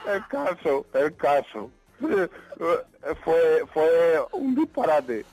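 An older man with a Murcian accent and a squawky, cracking voice, telling a casual anecdote in a halting, stammering way as a caller. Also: a little high, big pitch swings, darkish tone, no echo, poor audio. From Murcia, Spain. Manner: halting, stammering, repeats words.

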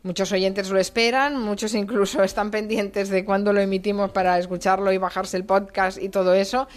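A woman's voice: medium pitch, little pitch movement, a little fast. A woman radio host introducing a weekly segment in a chatty, slightly hesitant way. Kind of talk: live radio presenting.

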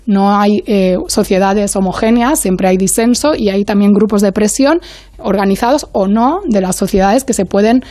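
Clean studio sound with no room ambience carries the mid-range, warm voice of a woman serving as an academic panel guest. She is measured and analytical, often hunting for her next word.

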